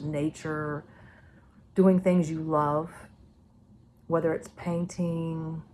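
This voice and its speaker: Rambling low-voiced woman vlogger. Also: a little hiss or hum. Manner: rambling, loose and conversational. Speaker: psychic vlogger. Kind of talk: casual spoken predictions.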